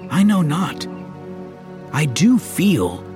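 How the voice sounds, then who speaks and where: An actor playing an earnest, exasperated young hero in Shakespearean verse, declaimed like a hammy stage performer. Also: male voice, a little high, sing-song, extremely slow, darkish tone, faint music behind, full character voice. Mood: wondering, uneasy. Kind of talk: dramatic Shakespearean verse reading.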